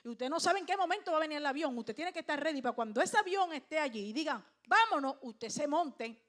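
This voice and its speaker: A high-pitched woman pastor preaches with emphatic force. She keeps tossing questions out to the congregation and drives each point home. She sounds middle-aged. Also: lively intonation, fast talker. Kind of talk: sermon.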